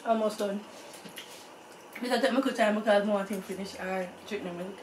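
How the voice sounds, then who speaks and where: A woman's voice: mid-range voice, fairly even intonation, a little fast, a little mellow. A woman chatting casually as a participant in a vlog challenge. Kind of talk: casual chat. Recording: echoey room, far mic, faint noise.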